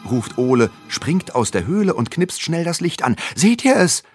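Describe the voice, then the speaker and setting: Lively man reading a children's story. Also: medium pitch, moderate pace, soft background music.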